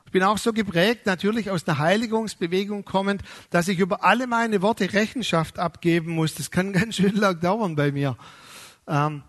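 A middle-aged man, a pastor, preaching a sermon with lively emphasis, slowing down on key words and acting out the voices of people he quotes. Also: high voice.

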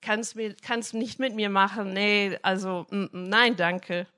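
A woman's voice: medium pitch, fairly even intonation, measured pace, pushed and bright. A woman voicing a reluctant, self-doubting Moses who hesitates and makes excuses, in a spoken Bible retelling.

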